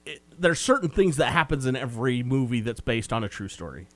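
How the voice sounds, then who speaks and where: A man's voice: medium pitch, lively intonation, fairly quick, fairly bright tone, no room sound. Guy rambling through a movie recap, casual review chat, dry close mic. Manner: meandering, talkative recap.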